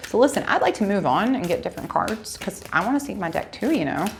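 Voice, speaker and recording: A woman's voice: mid-range voice, very animated, quick pace, slight background noise. A woman giving a casual tarot reading, chatting straight to her viewers and correcting herself aloud as she goes. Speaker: tarot reader.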